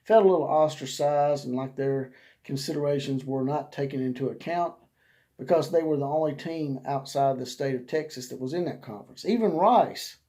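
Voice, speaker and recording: A man's voice: a little high, moderate pace, mellow. A man hosting his own sports channel, ranting in a folksy, preacher-like way and drawing out words for emphasis. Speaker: sports vlog host. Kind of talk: casual rant in a preacher's manner.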